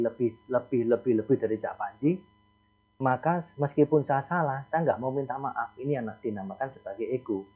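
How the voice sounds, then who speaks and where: A man, a psychologist guest calmly explaining ideas on a call-in radio show, repeating his key points. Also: medium pitch, breathy edge. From East Java. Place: outdoors near a beach. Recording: tinny phone line.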